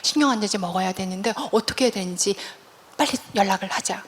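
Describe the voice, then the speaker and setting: Woman doing an anxious husband, hushed. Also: sits high, quick pace, pitched below the performer's own voice. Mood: worried. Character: anxious caring young husband. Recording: church hall reverb.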